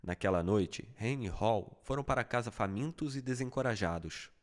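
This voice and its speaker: A man reads a fable aloud as an audiobook narrator. His voice sits at a middle pitch, and his delivery is steady and even, with scripted storytelling. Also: moderate pace.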